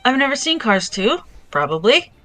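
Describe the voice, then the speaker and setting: A woman's voice: a little high, big pitch swings, normal speed, bright, forceful tone, soft background music. A goofy, playful woman guest cracking jokes during improv games. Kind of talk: casual banter.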